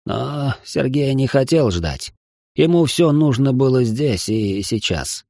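Old guilty family doctor, read by a man, slow, heavy delivery, mellow tone, dry booth sound. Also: mid-range voice, animated, gravelly, no room sound, pitched above the performer's own voice, full character voice. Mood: weary. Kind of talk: audiobook character voice.

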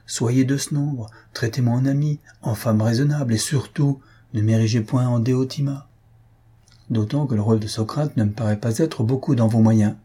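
A man's voice: medium pitch, steady tone, moderate pace, dark tone, slightly rough, natural voice. A man voicing a witty, mocking young noblewoman who talks in a teasing, proudly plain-spoken way.

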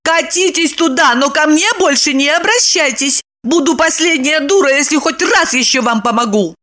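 A woman reading an audiobook voices an excitable, jealous woman who talks in high, shrill, accusing outbursts. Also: moderate pace. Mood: indignant shrill. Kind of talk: audiobook character voicing.

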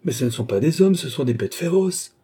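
A man's voice: medium pitch, normal speed, mellow, slightly rough. A man voicing a brave, commanding noblewoman who speaks with raised, urgent outrage in a storybook reading. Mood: indignant.

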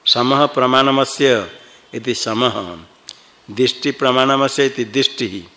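A man teaching Sanskrit grammar in a class, reciting rules slowly and patiently quizzing his students. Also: mid-range voice, pushed and bright, rough recording.

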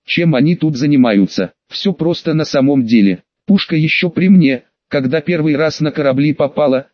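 A man narrating a first-person fantasy audiobook in a measured, wry, conversational way. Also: a little high, dry recording. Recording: dull dry recording.

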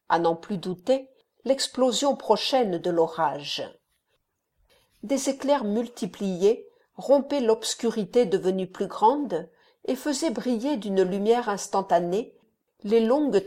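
A woman narrating a classic novel as an audiobook in a measured, even storytelling manner. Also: medium pitch. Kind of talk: scripted narration.

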